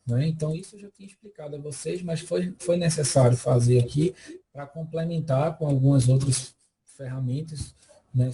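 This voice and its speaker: Man, software tutorial, very dark mellow tone, fairly high pitch, step-by-step explaining. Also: poor audio. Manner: explanatory, checks in often with tag questions. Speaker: software instructor. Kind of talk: screen-recorded tutorial.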